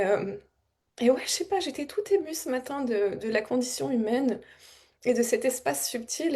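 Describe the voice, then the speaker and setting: A woman spiritual coach talking casually and reflectively to her audience, wandering through her thoughts with frequent repeated words, soft laughs and heartfelt emotion. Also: on the high side. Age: adult with a child. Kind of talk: casual spontaneous reflective talk.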